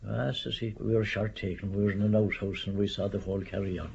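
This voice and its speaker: A man's voice: on the low side, fairly even intonation, quick pace, gravelly, a little mellow, soft background music. An older man recounting a wartime anecdote in an oral history, in a dull archive radio recording.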